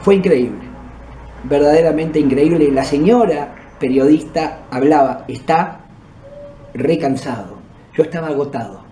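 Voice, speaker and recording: At normal speed, a man with a warm voice on the high side shares firsthand paranormal stories as host of his podcast. He has a Uruguayan Spanish accent and talks conversationally, in an echoey room with background noise.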